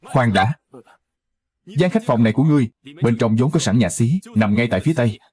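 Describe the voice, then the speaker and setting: A man voicing a stern, impatient young county magistrate questioning a witness, with a husky voice. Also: mid-range voice, lively intonation, brisk, darkish tone.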